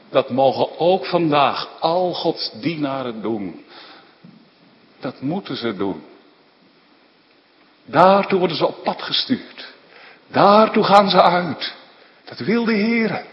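High-voiced preacher in an echoing church. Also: male voice, lo-fi sound. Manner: urgent repeated calls, alternating with slow explanation. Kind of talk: sermon.

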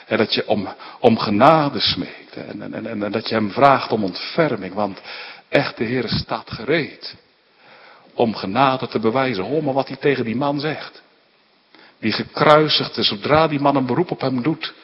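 A man preaching a sermon, emphatic, dropping into hushed near-whispers and rising into fervent appeals, with many tag questions and restarts. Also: mid-range voice, a little slow, husky. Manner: frequent "hè" tags and stumbling restarts. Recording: dull lo-fi sound with long hall reverb.

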